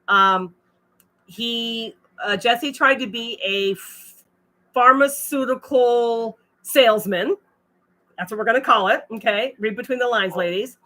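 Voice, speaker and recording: A woman's voice: on the high side, bright, forceful tone. A woman hosting a casual livestream, chatting and reading viewer comments aloud with frequent laughs. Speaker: livestream host.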